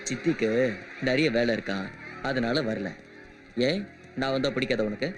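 An actor dubbing a polite young man who speaks softly to a child and to an angry elder. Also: mid-range voice, expressive, normal speed, music in the background, natural voice. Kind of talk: dubbed film acting.

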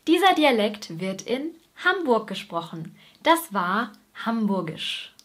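A woman's voice: fairly high pitch, very animated, takes it slowly, a bit bright. A woman from Bavaria with a Bavarian accent, hosting a German dialect lesson and talking straight to her viewers. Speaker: German teacher and video host. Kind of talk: scripted teaching presentation.

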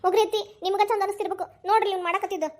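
A woman voicing a strict young mother and daughter-in-law in a cartoon, with a North Karnataka Kannada accent, brisk and scolding. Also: very high-pitched, fairly even intonation. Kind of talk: cartoon voice acting.

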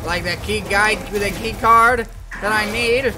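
A man doing let's play commentary, loud and brash with profane trash talk at the enemies. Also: high-pitched, a little slow. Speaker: gamer. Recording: commentary over game music.

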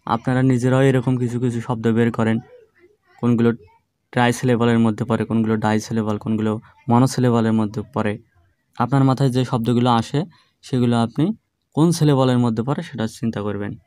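Man, teacher, patient classroom explaining, slow syllable drills, dead dry sound. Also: mid-range voice, flat delivery, dark tone, clear, resonant tone, no room sound. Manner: slow, drawn-out syllable-by-syllable demonstrations. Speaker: English grammar teacher. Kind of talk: online grammar lesson.

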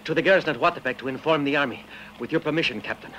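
An actor dubbing a frantic young army messenger who gives an urgent, breathless report. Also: male voice, a little high, racing, noisy background, close to an everyday voice. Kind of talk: dubbed film acting.

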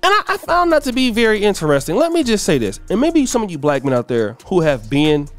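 With faint music behind him, a middle-aged commentary-channel host rattles off a blunt, preachy opinion monologue at a quick, sing-song pace. When he gets worked up, his pitch climbs.

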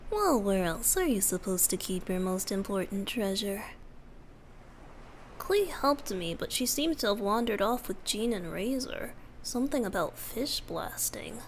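In a romantic ASMR roleplay, a woman voices a youthful male bard who is a wind spirit. Her fairly high voice is soft, gentle and teasing, and often breathy.

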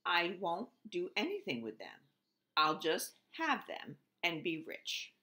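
A woman's voice: fairly low pitch, wildly swooping pitch, slow, pushed and bright, heavily acted. A woman doing a pompous little bird king. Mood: smug. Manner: pompous, proclaiming.

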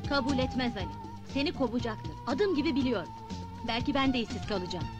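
A woman's voice: high voice, expressive, fast, over music. A woman acting a worried, sceptical young wife in a comedy film.

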